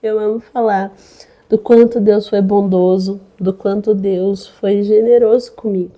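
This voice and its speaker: A woman's voice: mid-range voice, fairly even intonation, unhurried, lo-fi sound. A young woman with a Brazilian Portuguese accent, earnestly sharing a faith testimony about her baby's healing, often repeating her phrases. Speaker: mother giving a testimony.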